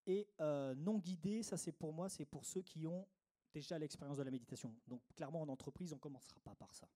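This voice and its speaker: A man's voice: fairly high pitch, fairly quick, warm tone. A middle-aged man giving a workshop talk on meditation to a live audience, didactic, repeating his key phrases with frequent fillers.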